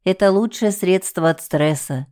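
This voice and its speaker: A woman's voice: on the low side, measured pace, a little mellow, close to an everyday voice. A woman voicing a fussing, motherly cook who coos and coaxes a grieving girl. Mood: coaxing. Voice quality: cooing, doting.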